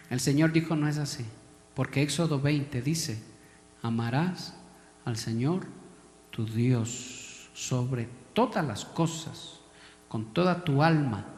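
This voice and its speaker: A man's voice: mid-range voice, a little mellow. A man with an Ecuadorian Spanish accent preaching a sermon as a pastor, pressing the congregation with questions and calling them brother. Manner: preachy, repeatedly addresses listeners as brother. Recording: echoey hall, long reverb.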